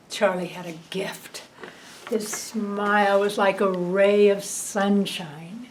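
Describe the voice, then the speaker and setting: A woman's voice: medium pitch, steady tone, slow pace, a little hiss or hum, natural voice, poor audio. An older woman playing a blunt, long-married wife who teases her husband in a dry way. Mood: wistful. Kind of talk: film drama acting.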